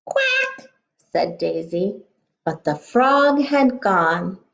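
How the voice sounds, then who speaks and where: A woman teacher reading a picture book aloud to children, gentle and expressive, pausing to ask questions. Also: fairly high pitch, lo-fi sound.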